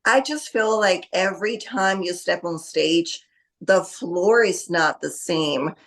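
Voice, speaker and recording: A woman's voice: fairly low pitch, takes it slowly, fairly bright tone. A woman from Costa Rica, a guest on a podcast, talking casually with many fillers. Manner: hesitant, many fillers, laughs easily. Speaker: podcast guest, bodybuilding athlete. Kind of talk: casual interview.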